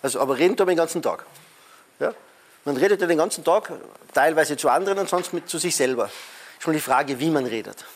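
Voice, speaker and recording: Male speaker, middle-aged, high voice, energetic live-talk delivery with audience check-ins. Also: fast. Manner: lively, emphatic, talks to the audience with frequent "ja?". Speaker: speaker on leadership.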